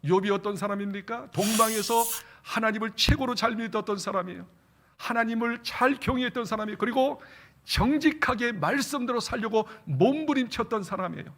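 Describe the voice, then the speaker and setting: High bright-voiced preacher. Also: male voice, a little fast. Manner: animated, asks the congregation questions and answers them; calls for amens. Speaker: senior pastor. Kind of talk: sermon. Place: church sanctuary.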